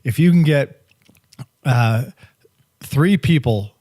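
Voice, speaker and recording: A man's voice: medium pitch, lively intonation, takes it slowly, a little mellow, no echo, clean studio sound. A middle-aged man hosting a casual podcast, joking and rambling with lots of fillers. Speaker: podcast host.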